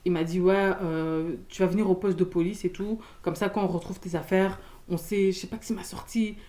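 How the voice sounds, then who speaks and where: A young woman from Belgium, telling a storytime in casual slangy chat, loud and expressive, acting out the people in her story. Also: on the low side, fairly quick. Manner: casual slangy talk with many fillers.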